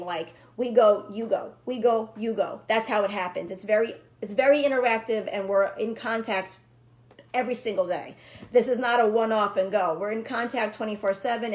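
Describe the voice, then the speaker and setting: A woman running coach talking casually on a live stream, answering viewers by name and explaining her program with many restarts. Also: fairly high pitch. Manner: chatty, restarts often, warm to named viewers.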